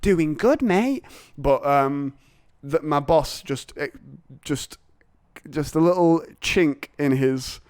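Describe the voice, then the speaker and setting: A man's voice: fairly high pitch, fairly even intonation, slow pace, clear, resonant tone, dry recording, clean studio sound. A man hosting a podcast, chatting in a rambling, jokey, confessional way. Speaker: podcast host. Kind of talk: casual chat.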